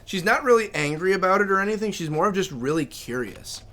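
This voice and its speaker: A man's voice: high voice, animated, fast, fairly bright tone. A man streaming a game, chatting casually and telling stories about his pets between game moves. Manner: chatty, storytelling, reads chat aloud. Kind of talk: casual livestream chat.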